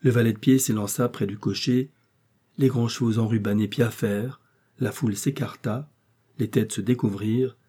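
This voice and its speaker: Guy reading an old novel out loud, husky and dark, calm measured storytelling. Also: on the low side. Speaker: narrator. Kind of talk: audiobook reading.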